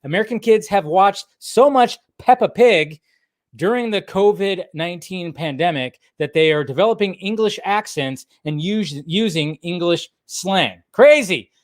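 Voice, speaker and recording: A man with a high voice hosts a live pop-culture talk stream, rambling casually to his viewers and repeating phrases often. He sounds animated but talks a little slowly, recorded in studio quality with no echo.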